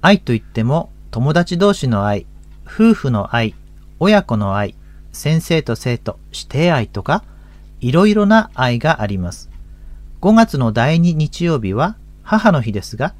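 A man's voice: mid-range voice, very animated, unhurried, no echo. A man in his fifties with a Tohoku accent, a pastor hosting a religious radio talk in a folksy, chatty way. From Akita, Japan. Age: 50s.

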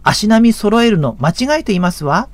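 A man voicing a boastful mother who loudly points out her son at a school sports day. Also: high voice, very animated, moderate pace, dry recording, voice pushed up. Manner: loud, showy calling out to the crowd.

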